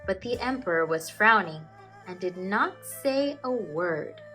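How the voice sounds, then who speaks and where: Casting: female schoolteacher, mid-pitched, expressive and deliberate for young listeners, music under the voice. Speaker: teacher reading stories to children. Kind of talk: expressive storybook reading and talk to children.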